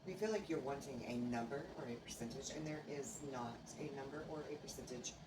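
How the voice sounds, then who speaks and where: A woman speaks as a trance medium in a remarkably deep voice. Her phrasing is formal and oracular, broken by halting pauses. She sounds distant in an echoey room. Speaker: trance channeler, seance medium. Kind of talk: seance medium channeling, answering questions in trance. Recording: noisy, echoey room, far from microphone.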